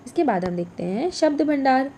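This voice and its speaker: A woman teaching a workbook lesson to young children, slow and clear, repeating each letter and word. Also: sits high, lively intonation, warm tone, a little hiss or hum.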